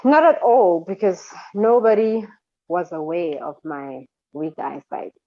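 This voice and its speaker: A woman's voice: on the low side, unhurried, no echo. A woman in her thirties from South Africa, a cheerful interview guest who laughs often. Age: 30s. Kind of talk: interview over a call. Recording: slightly dull sound.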